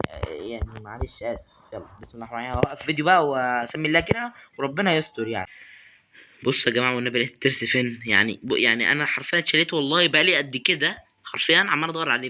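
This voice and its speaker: Man, Egyptian Arabic accent, rapid speech, sharp tone, nervous horror gameplay commentary. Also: mid-range voice, slight background noise. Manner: nervous, muttering prayers, taunting the game. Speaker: gaming YouTuber.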